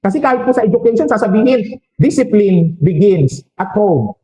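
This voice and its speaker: Filipino priest giving a sermon, high voice, echoey church, joking around with the crowd. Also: male voice, animated, warm tone. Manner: preaching with rhetorical questions and quick jokes.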